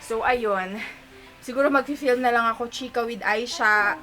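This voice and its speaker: A woman's voice: a little high, a little slow, sharp tone, soft background music. A young Filipino woman with a Filipino accent, chatting casually to viewers in a home vlog, recorded by a camera on a tripod in her bedroom. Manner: chatty, addresses viewers as sisters, mixes in English. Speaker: vlogger and young mother.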